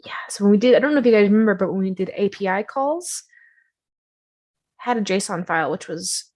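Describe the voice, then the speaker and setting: A woman casually walking viewers through a software tutorial on her screen, chatty and self-deprecating, with many fillers. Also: mid-range voice, lively intonation, a little fast.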